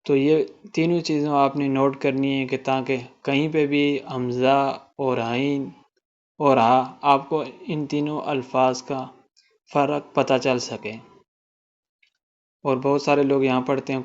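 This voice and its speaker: A man with a Pakistani Urdu accent teaching Quran recitation rules, explaining quickly and then chanting verses slowly and melodically. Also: mid-range voice, little pitch movement, dull audio. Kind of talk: tajweed lesson with slow recitation.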